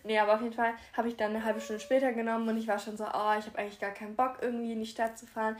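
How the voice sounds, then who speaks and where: Young woman chatting on earbuds, highish voice, lots of fillers. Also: flat delivery, rapid-fire. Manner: chatty storytelling, filler-heavy, acts out quotes. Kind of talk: casual chat. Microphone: wireless earbuds.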